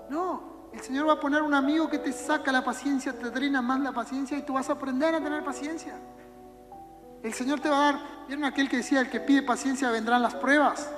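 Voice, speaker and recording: Uruguayan woman, youth preacher, chatty sermon with small acted skits, high voice, long hall reverb. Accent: Uruguayan Spanish. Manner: conversational, acts out little everyday scenes. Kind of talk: casual sermon. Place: church hall, indoors. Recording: echoey hall with music behind.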